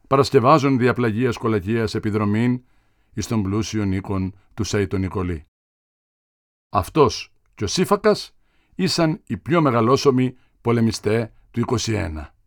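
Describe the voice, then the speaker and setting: Expressive man reading a novel aloud. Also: fairly low pitch, no room sound, studio quality. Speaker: audiobook narrator. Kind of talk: literary audiobook reading.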